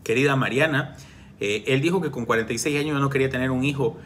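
A man's voice: mid-range voice, fast, slight background noise. A man in his forties coaching viewers on relationships during a live stream, reading comments and answering them by name in a frank, direct way. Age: 40s. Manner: warm direct advice, addresses viewers by name. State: coughing from reflux.

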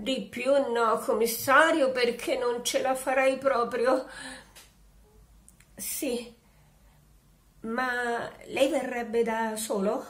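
A woman's voice: a little high, roomy sound. A woman playing a sly flirting widow. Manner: coy, sly, mock-grieving. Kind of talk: comic theater monologue. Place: home, indoors.

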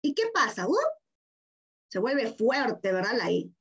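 A Peruvian woman with a Peruvian Spanish accent teaches a primary class online, patient and affectionate. Her fairly high, fairly bright voice is expressive and slow as she coaxes answers with questions and repeats key words. The video call audio sounds dull and lo-fi.

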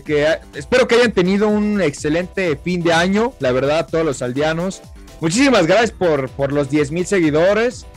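A man with a Mexican accent, co-hosting a podcast in a laid-back way, with many fillers and short agreements. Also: on the high side. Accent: Mexican Spanish. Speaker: podcast co-host. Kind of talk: casual podcast chat.

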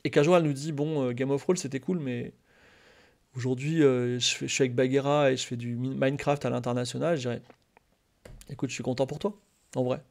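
A man talking casually to his live-stream chat, rambling with many fillers and restarts and turning animated when excited. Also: medium pitch, fast, gravelly.

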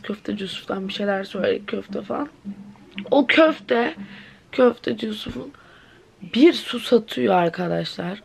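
A woman's voice: mid-range voice, gravelly. An eighteen-year-old woman vlogging at home, telling a story in a chatty, dramatic way with exclamations. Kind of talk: casual vlog chat to camera. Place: at home indoors.

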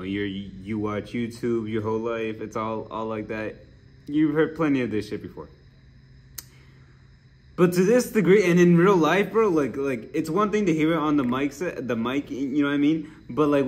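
A young man hosting a reaction video, talking casually with lots of swearing and jokes, getting worked up. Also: mid-range voice. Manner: profane, joking, riled up.

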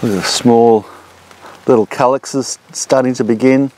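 This is a casual garden walk-through by a homesteading vlogger, an Australian man in his forties who strolls outdoors showing his backyard food plot on a handheld action camera. He speaks at a medium pitch and an unhurried pace, chatting and explaining in a relaxed way, with slight background noise audible.

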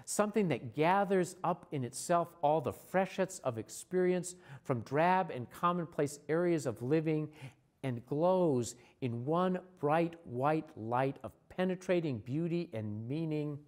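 A man, a church leader, giving a recorded sermon in a measured, earnest way, slowing down for repeated refrains. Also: a little high, lively intonation, darkish tone.

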